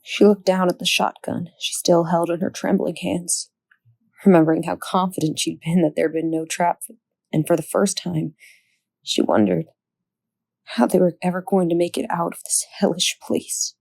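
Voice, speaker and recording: A woman's voice: lowish voice, level tone, normal speed, gravelly, a little mellow, husky, rough recording. A woman narrating a horror audiobook with tense, dramatic storytelling. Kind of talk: scripted narration.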